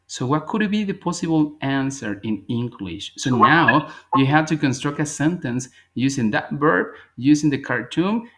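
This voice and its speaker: Patient Spanish-speaking English teacher. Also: male voice, mid-range voice, fairly bright tone. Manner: patient, repeats each phrase and checks with "ok?". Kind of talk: online class explanation.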